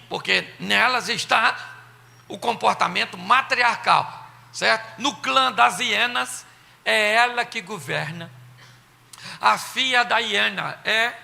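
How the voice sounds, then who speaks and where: A man with a Brazilian accent preaching a humorous sermon, animated and playful, sometimes shouting. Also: sits high, gravelly. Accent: Brazilian Portuguese. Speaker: pastor. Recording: long reverb of a church hall.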